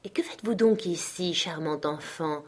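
A woman's voice: mid-range voice, lively intonation, moderate pace, close to an everyday voice. A woman reading the part of a plump, middle-aged male dignitary in an audiobook, honeyed and cajoling with a child, then harsh and scolding. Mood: wheedling.

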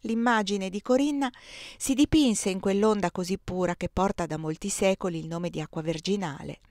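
A woman narrating a classic novel aloud in a measured, expressive reading. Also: lowish voice, no echo, clean studio sound. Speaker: audiobook reader.

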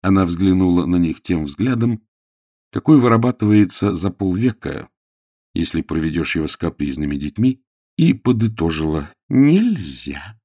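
A man reading a story aloud as narrator, expressive and storytelling. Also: low-pitched, normal speed, no room sound, clean studio sound. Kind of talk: audiobook reading.

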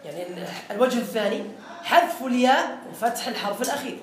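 A man's voice: extremely high pitch, lively intonation, fast. A man teaching a classroom grammar lesson. He quizzes his students and repeats the key phrases. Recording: roomy classroom echo.

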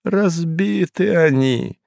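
A man voicing a frightened, beaten, surly hard-drinking man who talks in a hoarse, rasping voice and breaks into shouts. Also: on the high side, takes it slowly, no room sound, clean studio sound, voice pushed up. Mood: sullen. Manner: sullen, then bursting into shouts.

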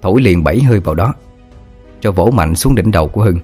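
A man narrating an audiobook ghost story in a steady, dramatic way. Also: low voice, fast, husky, faint music behind.

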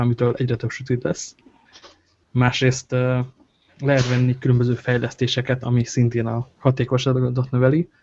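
A man's voice: mid-range voice, darkish tone, no echo. A man co-hosting a podcast, explaining things at length in a dry, casual way, with many fillers. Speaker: podcast co-host. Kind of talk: casual chat. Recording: dull lo-fi recording.

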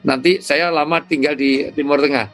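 Man, gravelly voice, fairly high pitch, cleric explaining with lively anecdotes, faint music behind. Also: moderate pace. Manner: lively storytelling with imitated sounds. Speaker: Islamic cleric guest. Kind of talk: explaining in interview.

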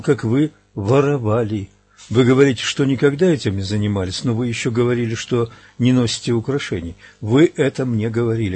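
A man's voice: medium pitch, darkish tone, breathy edge, no echo, natural voice. A man reading an audiobook, voicing a blunt, earnest young man who speaks in a pressing, emphatic way. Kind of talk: audiobook character voice.

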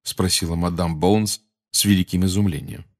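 A man narrating an audiobook in an expressive storytelling manner. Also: sits low, normal speed. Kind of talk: scripted narration.

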